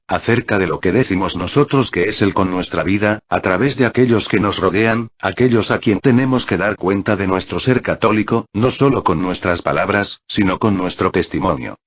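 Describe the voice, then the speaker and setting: A man's voice: low-pitched, breathy edge. A man preaching an earnest Sunday reflection, exhorting his listeners. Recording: dull lo-fi audio.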